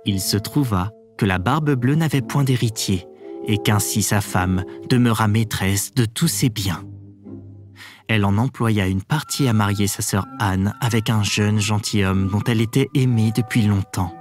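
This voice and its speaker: A man narrating a fairy tale in an expressive, measured storybook reading. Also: on the low side, faint music behind.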